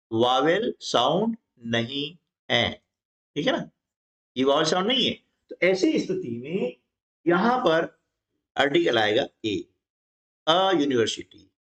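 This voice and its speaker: Man, grammar teacher, fairly high voice, explanatory, checks in often. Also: fairly bright tone. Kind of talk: exam-prep grammar lesson.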